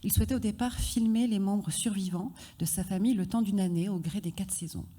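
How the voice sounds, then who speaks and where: A woman's voice: medium pitch, a little fast, mellow. A woman film historian presenting a formal academic talk at a symposium. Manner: formal, read-out analytic delivery.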